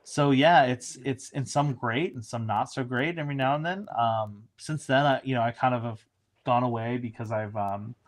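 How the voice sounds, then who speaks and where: A man's voice: medium pitch, moderate pace. A man, a showrunner, chatting casually in an interview, rambling with frequent restarts and fillers.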